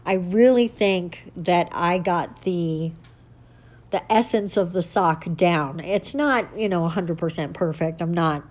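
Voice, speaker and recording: Her voice is on the low side, slow and a little mellow as she chats through a casual nail art tutorial on her own channel. Stuffed up from allergies, she stays upbeat and talkative, often correcting herself.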